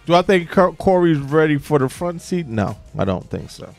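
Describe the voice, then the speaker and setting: A man's voice: on the high side, sing-song, normal speed, creaky, a little mellow, soft background music. A man co-hosting like a morning radio DJ, chatting casually and agreeably, often echoing his partner. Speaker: radio co-host.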